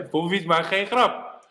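A middle-aged man from the Netherlands, a former professional basketball player, telling animated anecdotes as an interview guest. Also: sits high, takes it slowly. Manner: animated anecdotes, mimics others in English quotes. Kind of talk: casual storytelling interview.

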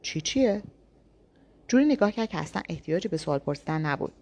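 A woman's voice: deep voice, lively intonation, darkish tone. Woman narrating a novel in first person. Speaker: audiobook narrator.

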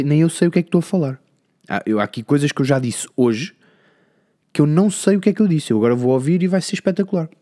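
A man's voice: medium pitch, warm tone. A man with a European Portuguese accent hosts a podcast alone. He chats casually in slangy, rambling turns, with a self-deprecating manner. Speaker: solo podcast host. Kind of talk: casual chat.

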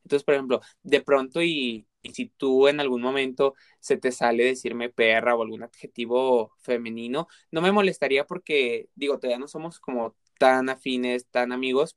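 A man's voice: medium pitch, steady tone, normal speed, few pauses, clean tone, dry recording, studio quality. A man with a Mexican accent in casual conversation, talking earnestly and explaining his views at length with many examples. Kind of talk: casual chat.

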